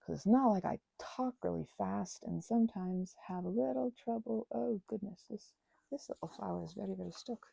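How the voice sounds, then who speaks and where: Her medium-pitched voice is creaky, warm, and husky, moving at a moderate pace on a low-quality recording with no room sound. As host of a rambling craft ASMR chat, she mutters to herself, wanders off on tangents, slips toward whispers, and jokes at her own expense with playful sarcasm.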